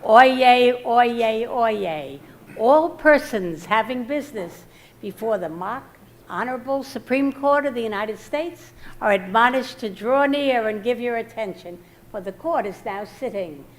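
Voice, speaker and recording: A woman's voice: on the high side, expressive, a little slow. A woman serving as court crier, making a formal, ceremonial announcement to open a session.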